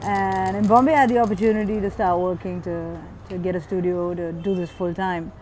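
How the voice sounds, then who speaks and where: A woman in her thirties who grew up in Switzerland, a graffiti artist, reflects in a documentary interview, thinking aloud with small restarts. Her low-leaning voice is steady, brisk and darkish, and the poor audio carries slight background noise and hip-hop music underneath.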